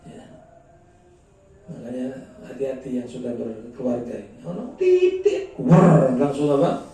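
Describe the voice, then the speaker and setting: A man's voice: medium pitch, very animated, a little slow, mellow, soft background music. A man with an East Javanese accent giving an informal religious lesson, chatty and humorous, acting out quarrels as he talks. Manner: chatty, mixes in regional phrases, acts out quarrels. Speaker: religious teacher. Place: gathering hall. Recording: echoey room, distant mic.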